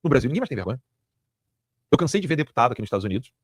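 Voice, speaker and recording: Fast, emphatic man host. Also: medium pitch, sing-song, breathy edge, dry recording, studio quality. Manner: rapid, emphatic, repetitive, crude jokes. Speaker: live show host. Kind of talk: heated political commentary. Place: studio.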